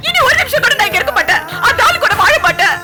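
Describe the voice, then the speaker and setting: A woman's voice: very high voice, sing-song, very fast, shouting, over loud music. An actress playing a wronged pregnant wife who refuses to stay with her husband, in a TV serial. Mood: defiant. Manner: defiant, indignant. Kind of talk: TV serial acting.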